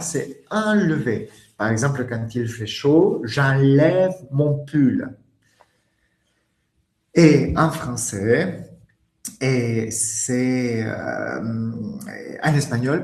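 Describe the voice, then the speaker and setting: A man teaching French in a webinar lesson, patient and repeating key words, recorded in an echoey room. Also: medium pitch.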